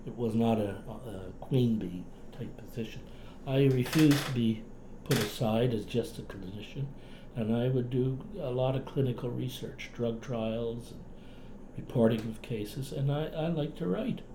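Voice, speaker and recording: An older, retired man with a Cape Breton accent, reminiscing in a relaxed, talkative, folksy way in conversation. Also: medium pitch, a little slow. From Cape Breton, Canada. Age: older, past retirement. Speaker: interviewee, retired clinician and writer. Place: indoors in a home. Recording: roomy echo, faint background noise.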